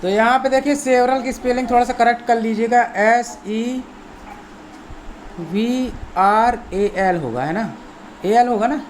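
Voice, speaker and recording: Over slight background noise, a mid-range voice moves a little slowly through an English lesson taught in Hindi. The teacher patiently spells each word letter by letter, says it again, explains its meaning and keeps checking in with "theek hai."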